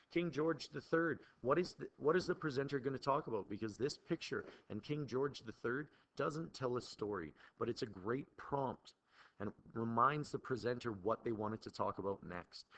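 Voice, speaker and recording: A male teacher giving a recorded lesson to his class in an informal, animated way, with joking exclamations. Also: fairly low pitch.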